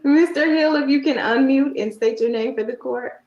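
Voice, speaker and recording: A woman's voice: high voice, moderate pace, darkish tone, roomy sound, highs cut off. A woman speaking as a public defender in a courtroom recording, addressing the judge.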